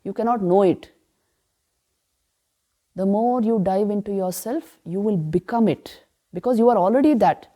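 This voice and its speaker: A woman giving a spiritual retreat class on scripture, emphatic, asking rhetorical questions and answering them, and chanting verses slowly. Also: medium pitch, dark tone. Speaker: spiritual teacher.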